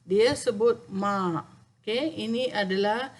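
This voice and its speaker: A woman with a Malaysian accent teaches letters in a patient, repetitive way, sounding each one out slowly. Her voice sits in a middle pitch. A faint noise runs under the recording. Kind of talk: language lesson.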